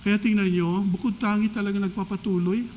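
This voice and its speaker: A man with a Filipino accent preaching a sermon as pastor of a church, swinging between soft and emphatic delivery. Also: high-pitched, fairly even intonation, fairly quick, a little hiss or hum. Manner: preaching in Tagalog-English code-switching, rising and falling emphasis. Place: church hall. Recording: long church hall reverb.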